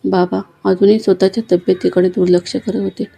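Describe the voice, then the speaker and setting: A woman narrates an emotional family story in a soft, measured way. Her voice is husky and gravelly, with a mellow tone and a flat, even pitch.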